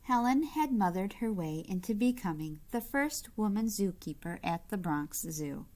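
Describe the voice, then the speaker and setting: A woman with a medium-pitched voice reads a children's picture book aloud in the manner of a teacher. Her phrasing is expressive and deliberate, and she slips in short asides to her young listeners.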